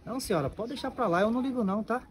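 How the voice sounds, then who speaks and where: A man's voice: very high voice, racing, a crowd in the background. A man with a Brazilian accent playing a humble, patient man who lectures a rude girl in an amateur skit. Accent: Brazilian Portuguese. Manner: patient, moralizing. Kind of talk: amateur comedy skit acting.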